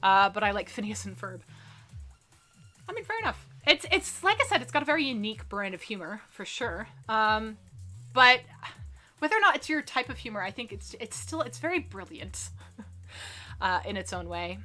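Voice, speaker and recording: A woman's voice: mid-range voice, big pitch swings, moderate pace, bright, forceful tone, soft background music. A woman hosting a casual live-streamed entertainment news show, chatting loosely with lots of fillers and reading out viewer comments. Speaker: livestream entertainment news host.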